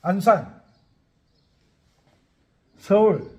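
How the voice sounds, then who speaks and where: An accordion teacher talks casually to viewers, chatty and rambling, thinking aloud while listing places. His voice is high-pitched and animated but extremely slow, and the highs are cut off.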